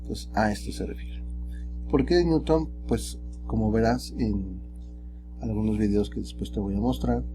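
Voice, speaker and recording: A man teaching calculus in a relaxed, chatty way, often tagging his sentences with rhetorical questions. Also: lowish voice, moderate pace, music in the background. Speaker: math teacher. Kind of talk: recorded screen lesson.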